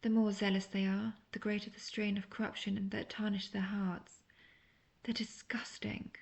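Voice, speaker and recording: In this intimate audio roleplay, a woman voices an obsessive, manipulative, seductive witch who teases and coaxes the listener, her soft talk slipping into near-whispers. She sounds coldly contemptuous and righteous, with a flat, creaky, medium-pitched voice at a moderate pace. The acting is light.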